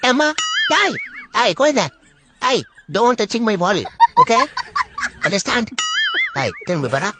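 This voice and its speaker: A woman's voice: a little high, huge pitch swings, drawn-out words, full character voice. A woman playing an exasperated scolding woman. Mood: irritated. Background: loud music.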